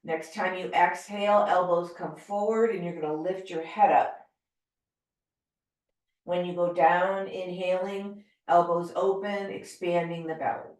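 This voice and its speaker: A middle-aged American woman leading a yoga class, calmly and gently cueing breath and movement. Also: fairly low pitch, unhurried. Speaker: yoga teacher. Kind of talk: guided yoga class instruction. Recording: very echoey room, voice from far off.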